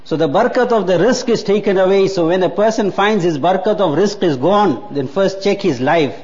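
A man's voice: high-pitched, a little fast, a little mellow. A man, preaching a sermon earnestly and repeating words for emphasis. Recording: muffled hall with long reverb.

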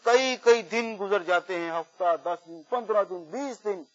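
A man preaching a storytelling sermon at a religious gathering, swinging from quiet to loud. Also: sits high. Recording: muffled lo-fi recording.

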